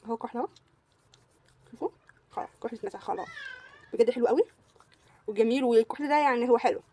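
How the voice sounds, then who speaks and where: A woman's voice: on the high side, rapid-fire, mellow, a little hiss or hum. A young woman with an Egyptian Arabic accent, gushing through a casual beauty product review and repeating words for emphasis. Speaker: beauty vlogger.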